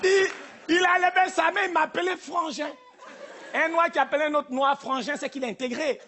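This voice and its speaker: A man's voice: very high voice, fairly even intonation, a little fast, pushed and bright. A male stand-up comedian performing a live routine on a theater stage, with a punchy, teasing delivery aimed at the crowd. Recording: live theater, audience and noise.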